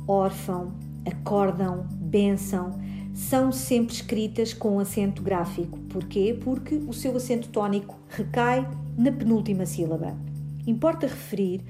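A woman linguist with a European Portuguese accent explains a grammar point in a scripted radio segment. She speaks in a measured, clear way and lists examples one word at a time. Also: mid-range voice. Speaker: linguist answering a language question.

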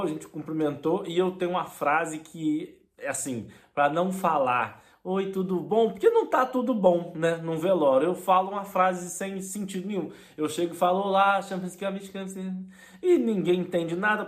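A man with a Brazilian accent telling a comic story in an animated way, mimicking other people. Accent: Brazilian Portuguese. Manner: animated, mimics his mother and friends in high voices. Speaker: comedian. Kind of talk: stand-up storytelling.

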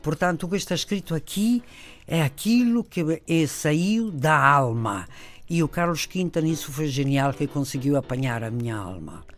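A woman's voice: low-pitched, animated, moderate pace. Older Italian-accented woman, radio guest, expansive storyteller. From Italy. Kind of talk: radio interview.

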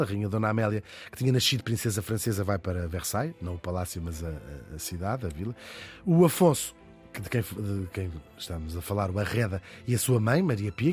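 A man with a European Portuguese accent, telling a history story as a podcast host in casual, lively chat with jokey asides. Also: on the low side.

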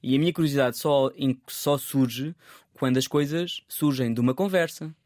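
Man, photographer guest, thoughtful, restarts and repeats words, mid pitch, dry close mic. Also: normal speed, darkish tone, no room sound. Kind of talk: casual interview.

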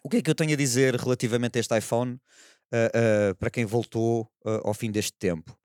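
A man's voice: mid-range voice, fairly even intonation, fairly quick, darkish tone, no room sound, clean studio sound. A man with a European Portuguese accent talking casually on a podcast, in a hesitant, meandering way with frequent check-in questions. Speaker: podcast panelist. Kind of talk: casual chat.

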